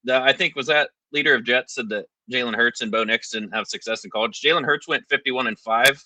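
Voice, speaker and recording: A man's voice: medium pitch, brisk, pushed and bright, dry recording, low-quality recording. A man calling in to chat casually as a sports fan, hesitant and chummy. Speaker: caller to a sports show.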